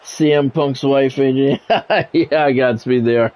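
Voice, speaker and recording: Medium in pitch, slow, and a little mellow, this American man's voice carries live play-by-play of a football video game. He speaks in short, clipped radio-sportscaster calls and chats casually with his stream viewers. A dull lo-fi mic records him, with music in the background.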